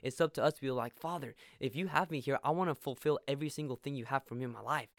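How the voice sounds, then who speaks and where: A man's voice: mid-range voice, fast talker, no echo, clean studio sound. A man in his late twenties from Peru, a podcast guest sharing his faith testimony with earnest enthusiasm and often repeating words when stuck.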